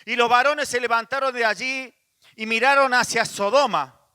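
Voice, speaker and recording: A man's voice: very high voice, moderate pace, bright, forceful tone, clean tone, no echo. A male pastor with a Rioplatense Spanish accent, preaching a sermon in a conversational way, with frequent restarts and asides to the congregation.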